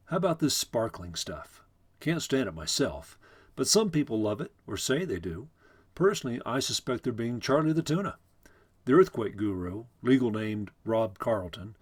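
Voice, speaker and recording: A middle-aged man reading his own short story aloud in a calm, wry, measured manner. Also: mid-range voice, breathy edge.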